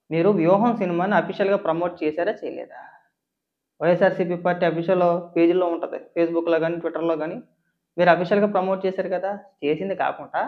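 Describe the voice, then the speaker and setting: Fast, high-voiced indignant male commentator. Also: dull audio. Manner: fires rhetorical questions, sarcastic and indignant. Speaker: political commentator. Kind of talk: political commentary rant.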